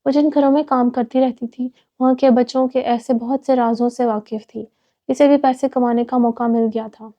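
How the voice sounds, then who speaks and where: Female narrator, novel reading, even tone, mellow higher voice. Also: dull audio. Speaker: storyteller.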